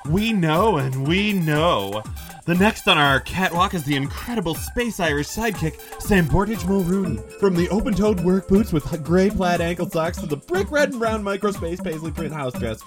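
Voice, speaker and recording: A swooping, highly animated mid-pitched voice for a gushing showbiz announcer acted out by a performer in a comedy radio play. Every line is theatrical and sing-song. Faint music hums under it. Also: moderate pace, lightly acted. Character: over-the-top showbiz announcer, gushing, camp.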